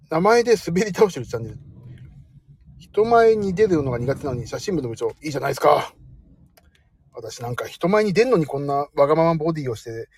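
A man's voice: medium pitch, darkish tone, slightly rough, dry recording. A man hosting a casual live stream from his parked car, chatting in a self-deprecating way and reading out listener comments. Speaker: livestream host.

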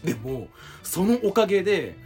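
A young man co-hosting a casual podcast, telling a story to friends, acting out quotes and bursting into loud exclamations. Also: high-pitched, sing-song, normal speed, soft background music. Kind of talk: casual chat among friends.

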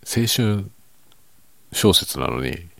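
A man chatting casually and quietly by himself late at night, musing and giving his opinions in a low-key way with softened sentence endings. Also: lively intonation, drawn-out words, creaky, no echo. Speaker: writer chatting as host.

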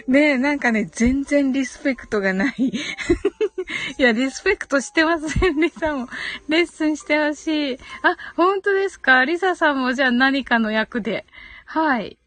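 A woman with a high-pitched, a bit bright voice and lively intonation speaks at a measured pace. She hosts a casual live audio stream, giggling and laughing often as she chats, reads listener comments, and drops in short acknowledgements.

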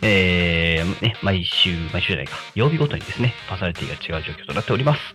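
A man with a low voice hosts a casual local radio show. His delivery is polite and a little halting, with an apologetic, deferential way of addressing listeners, and it swings widely in pitch. Guitar music plays behind him. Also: big pitch swings. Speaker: radio host. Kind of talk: casual community radio hosting, talking to listeners.

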